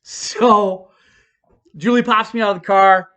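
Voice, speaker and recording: A middle-aged man with a voice that sits high speaks slowly as he tells a profane, self-deprecating story in a loose, rambling way. He uses fillers and restarts, with occasional bursts of excited shouting.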